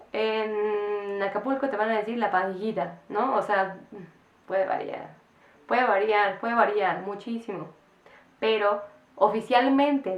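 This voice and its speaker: A woman's voice: mid-range voice, roomy sound, muffled recording. A woman, an English teacher who explains to parents in a patient way and repeats words to model English sounds.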